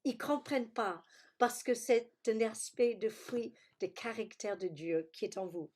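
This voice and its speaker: Woman preacher on a video call, talks slow, bit of a high voice, gropes for words, says alleluia a lot. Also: darkish tone, slight background noise. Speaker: pastor. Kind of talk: sermon teaching over video call.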